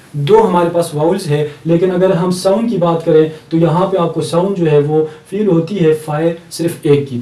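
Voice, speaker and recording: A male English teacher with a Pakistani accent giving a recorded lecture, explaining step by step and repeating example words slowly. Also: on the high side, mellow. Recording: echoey room, mic at a distance.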